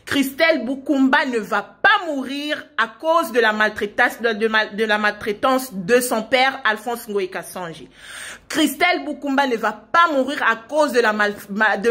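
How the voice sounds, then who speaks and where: A woman's voice: a little high, unhurried, sharp tone. A woman making an impassioned public appeal, insistent and repetitive, full of rhetorical questions and stumbling restarts. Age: 20s. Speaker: provincial deputy denouncing her parents.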